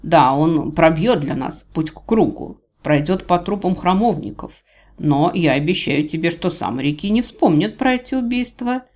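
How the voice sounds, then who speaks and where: A woman reading an audiobook voices a smug, cruel male villain god who talks with drawling, mocking calm. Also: low-pitched, moderate pace. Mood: menacing. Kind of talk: audiobook character voice.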